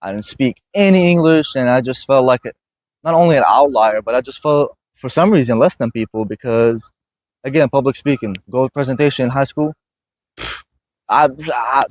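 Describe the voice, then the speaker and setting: A man's voice: mid-range voice, normal speed, no echo. A man from Iraq hosting a casual motivational conversation, earnest and often checking in with "you know what I mean". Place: gym.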